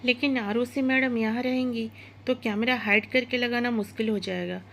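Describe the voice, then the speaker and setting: A woman's voice: fairly high pitch, steady tone, moderate pace, fairly bright tone, slight background noise. A woman voicing a dutiful young male assistant in a storybook narration, in an obliging, practical manner.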